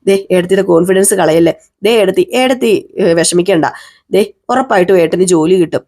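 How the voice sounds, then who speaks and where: A woman's voice: on the low side, moderate pace, mellow, natural voice. Earnest young man, defensive, pleading, voiced by a woman narrator.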